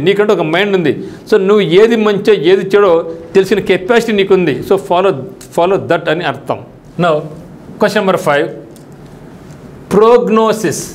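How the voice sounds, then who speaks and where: A male teacher who explains English vocabulary for an exam, asking rhetorical questions and mixing in casual local speech. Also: high voice. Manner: explains English words in Telugu with colloquial asides and rhetorical questions. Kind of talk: exam-prep vocabulary lesson.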